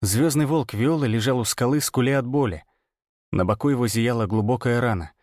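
A man reading a first-person audiobook story in a measured, grim way. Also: mid-range voice, a little mellow, no echo, clean studio sound. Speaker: audiobook narrator.

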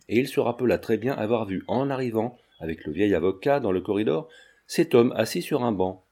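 A middle-aged man reading a classic novel aloud, voicing the characters in one steady voice with small pitch shifts. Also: slightly rough. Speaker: audiobook reader. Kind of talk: scripted narration of a classic novel.

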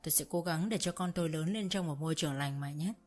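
A woman with a lowish voice narrates a first-person family story. She reads every character's lines herself, changing her voice a little for each. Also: fast, faint music behind. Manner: reads all parts herself with light shifts for quoted voices.

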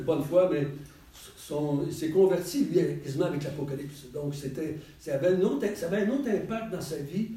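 A man's voice: fairly high pitch, mellow. A man with a Quebec French accent leading a group Bible study in a chatty, digressive way, laughing often. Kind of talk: casual group Bible teaching. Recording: roomy echo, mic far off.

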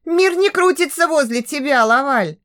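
Woman doing a snappy, high-voiced defiant young woman. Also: animated, moderate pace, fairly bright tone. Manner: shrill, scornful, snapping.

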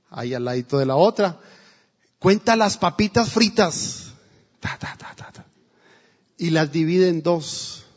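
Guy preaching in a church, kinda husky, big echo, muffled sound. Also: fairly high pitch. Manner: storytelling with acted quotes, emphatic. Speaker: pastor. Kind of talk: sermon. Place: church hall. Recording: dull, echoey church recording.

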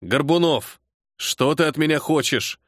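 A man voicing a tired, irritable colonel who heads a security service department, gruff and sarcastic with his subordinate. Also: fairly high pitch, a little slow, a bit bright, no room sound, clean studio sound. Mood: irritated. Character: weary irritable older male colonel, security service chief.

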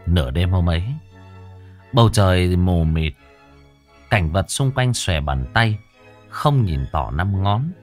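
A man telling a horror story in a dramatic, animated way. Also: low voice, takes it slowly, long pauses, faint music behind.

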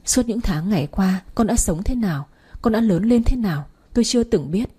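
A woman's voice: mid-range voice, expressive, fairly quick, warm tone, husky. A woman narrating a first-person audiobook in a grieving, emotional way.

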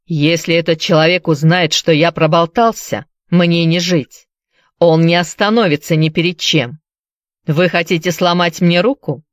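A woman's voice: fairly low pitch, steady tone, measured pace, no echo, studio quality, lightly acted. A woman reading a story aloud, voicing a young male tavern keeper who speaks in a curt, defensive way. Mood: irritated.

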